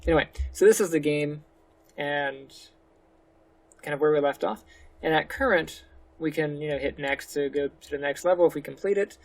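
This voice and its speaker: A man hosting a casual screen-recorded game development tutorial, his voice gravelly and pitched a touch high. He speaks relaxed and a little slurred, talking through each click with easy fillers. He sounds close to a desktop mic. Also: normal speed. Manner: relaxed, slightly slurred speech; talks through each step with fillers like "go ahead".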